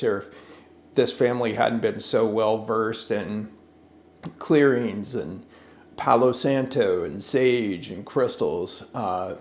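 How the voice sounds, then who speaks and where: A man investigating the paranormal, speaking to a spirit in a firm, measured way. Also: fairly low pitch, reverberant, slight background noise. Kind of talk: calm address to a spirit.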